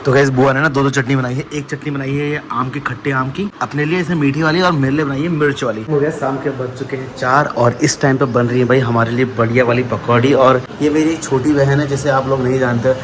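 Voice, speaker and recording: A man's voice: medium pitch, fairly even intonation, brisk, few pauses, noisy background. A young man casually narrating his family vlog, chatty and teasing, talking to viewers and relatives. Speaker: vlogger and travel company owner. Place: family homes and car, indoors and out.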